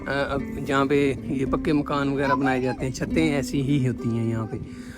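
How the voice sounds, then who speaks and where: A man's voice: medium pitch, flat delivery, normal speed, loud music behind the voice. A man from Pakistan with a Punjabi accent narrating a casual travel vlog, showing and explaining things conversationally as he walks around outdoors. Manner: conversational show-and-tell with repeated pointing phrases. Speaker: travel vlogger. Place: outdoors in a windy rural village.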